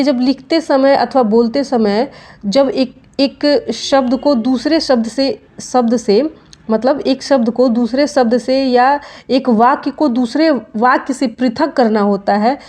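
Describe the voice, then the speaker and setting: A woman's voice: a little high, a little mellow. A young adult woman teaching a grammar lesson, explaining step by step and often checking in with her students.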